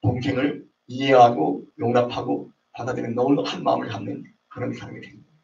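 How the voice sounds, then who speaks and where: A man's voice: medium pitch, fairly even intonation, brisk, vocal fry, a little mellow, a little hiss or hum. A man preaching a sermon to a young adults' service, acting out quarrels in raised voices. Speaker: pastor. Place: church sanctuary. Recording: roomy, distant, dull online service audio.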